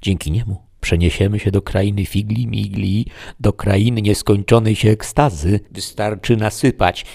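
A seductive female vampire from a horror story, coaxing in a lifted, syrupy tone, as a deep-voiced male narrator puts her on. The sweetness has a husky grain under it. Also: fairly even intonation, normal speed, hardly any pauses, darkish tone. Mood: teasing. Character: seductive undead female vampire posing as lover.

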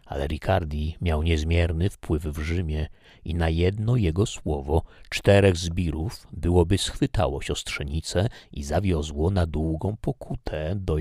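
A man narrating an audiobook in a measured, steady reading. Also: low voice, no echo, clean studio sound. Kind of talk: scripted narration.

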